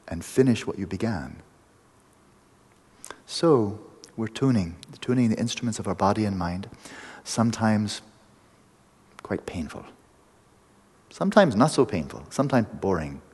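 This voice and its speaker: A man giving a meditation talk to a group, explaining in vivid images with pauses and restarts. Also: fairly low pitch, a little mellow, slightly rough, big-room sound. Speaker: meditation teacher. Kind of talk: dharma talk to a retreat group.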